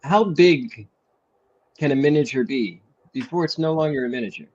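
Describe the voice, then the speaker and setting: A man co-hosting a podcast in casual chat, offbeat and rambling, with a deadpan touch. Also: mid-range voice, moderate pace. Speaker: podcast co-host. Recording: dull, lo-fi sound.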